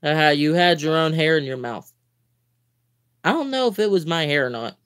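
A man's voice: fairly high pitch, expressive, moderate pace, fairly bright tone, clean tone. Sleepy, goofy young man reading aloud. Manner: goofy, chatty, breaks off to comment on the reading. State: sleepy, yawning. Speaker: live-stream host. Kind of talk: casual live-stream book reading.

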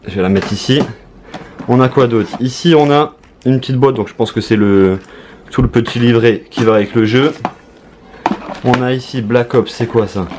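Young French-accented male YouTuber, casual and excitable, mid-pitched, with faint noise behind. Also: normal speed, long pauses. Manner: chatty, excited, talks to viewers. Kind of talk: casual unboxing commentary.

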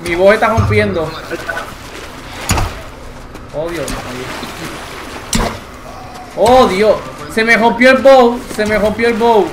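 Male gamer, high voice, yelling orders over noisy game sound. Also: unhurried. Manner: shouts warnings and orders to teammates. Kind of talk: excited multiplayer gameplay chat. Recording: noisy game audio in background.

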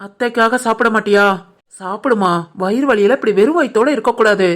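A woman voicing a protective older mother-in-law in an animated family cartoon, firm and scolding, with a Tirunelveli Tamil accent. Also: fairly high pitch, fairly quick, close to an everyday voice. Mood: tender. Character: caring older mother-in-law, protective, stern with her daughter.

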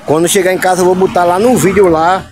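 A man's voice: sits high, steady tone, fast talker, a little mellow. A man with a Pernambuco accent hosting his own vlog outdoors by a canal in town, chatting casually and constantly addressing his viewers. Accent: Pernambuco, northeastern Brazilian. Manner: chatty, keeps calling viewers "my people" and "gang". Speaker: vlogger and channel host. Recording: street noise with music behind.

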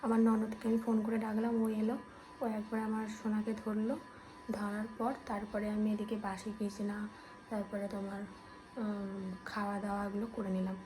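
A woman, a new mother, chatting casually to her viewers as friends in a home vlog, talking softly so she won't wake her baby. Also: mid-range voice, completely flat delivery, moderate pace, low-quality recording. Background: background music.

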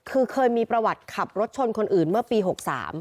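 A woman field reporter telling a news story in a chatty, animated way. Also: on the high side, quick pace.

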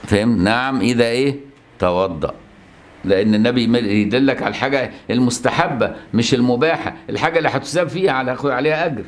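A man's voice: mid-range voice, racing, few pauses. A man with an Egyptian Arabic accent teaching a religious lesson as an Islamic scholar, checking on his listeners with rhetorical questions as he explains.

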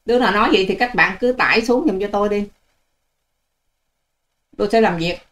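Fast, combative older woman. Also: medium pitch, a bit bright. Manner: combative, scolding, sarcastic. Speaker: online channel host. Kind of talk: ranting vlog monologue to viewers.

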